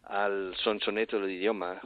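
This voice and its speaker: A man from Texas in his sixties, a native English speaker with an American accent in Spanish, talking in a radio interview in an animated, rambling way, often restarting his sentences. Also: on the low side, measured pace, dry recording. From Texas, USA. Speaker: guest, English-teaching entrepreneur. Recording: tinny phone-line audio.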